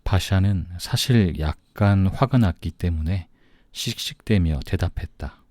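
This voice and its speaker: A man calmly reading an audiobook aloud as scripted narration meant for sleep. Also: sits low, unhurried, no echo.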